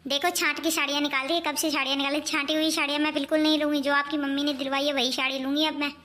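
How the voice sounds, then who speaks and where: A woman's voice: sits high, level tone, rapid-fire, bright, forceful tone, slight background noise. A woman playing a jealous, demanding young sister-in-law in a home-made comic family skit, whining and complaining about what she is given. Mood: whiny.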